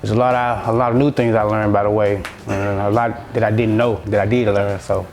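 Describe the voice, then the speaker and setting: A man speaks in a fairly low voice as he gives a testimonial about a training course. He sounds enthusiastic and halting, with plenty of fillers. Faint music plays under him. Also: flat delivery, a little mellow. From Memphis, Tennessee. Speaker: detailing student. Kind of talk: testimonial interview.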